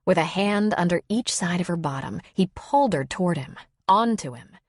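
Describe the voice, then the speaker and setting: A woman with a lowish voice reads an audiobook in a brisk, even manner. The sound is dry and close, with no room around it. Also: no room sound. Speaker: audiobook narrator. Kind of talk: scripted narration.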